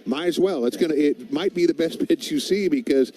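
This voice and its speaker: A man with a warm, fairly high voice gives informal, opinionated color commentary on a baseball game, speaking fairly quickly in a conversational way. Faint background noise is audible.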